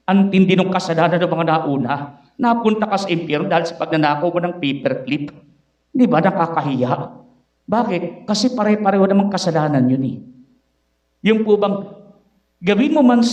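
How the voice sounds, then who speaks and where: A man's voice: high voice, a little mellow, dull audio. A man, a priest, giving a Sunday homily and asking the congregation rhetorical questions. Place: church. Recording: echoey church, voice from a distance.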